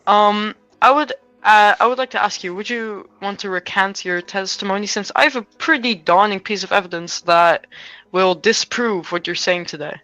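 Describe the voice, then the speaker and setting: A woman's voice: mid-range voice, moderate pace, sharp tone, no room sound, dull audio. A woman arguing as defense lawyer in a courtroom role-play game, stumbling over fillers and swearing.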